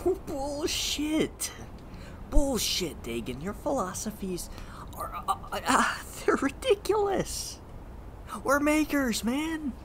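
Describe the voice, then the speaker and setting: Angry and exasperated, a woman plays the same kind of audio-drama role: a foul-mouthed, slangy, stammering slacker with superpowers who grudgingly sticks to the rules. Her high, sing-song delivery is slow and exaggerated, with slight background noise.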